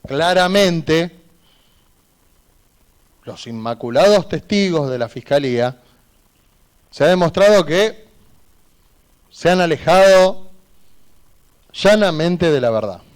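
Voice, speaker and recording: A man's voice: a little high, expressive, takes it slowly, long pauses. A man, a defense lawyer giving an emphatic, argumentative closing argument in a courtroom, repeating points for emphasis.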